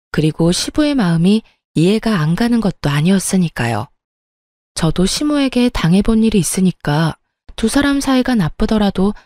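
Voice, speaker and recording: Woman narrator for a true-story reading: calm, confiding, with a warm tone and a dry sound. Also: medium pitch, dry recording. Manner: calm, confiding first-person telling.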